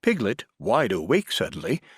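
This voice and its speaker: A man narrating a children's audiobook with an expressive, animated reading. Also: mid-range voice, normal speed, creaky, slightly rough, no echo, clean studio sound.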